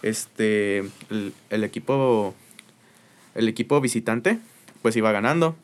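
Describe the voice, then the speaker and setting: A man in a casual chat, recounting a story in a halting, stumbling way. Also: on the low side.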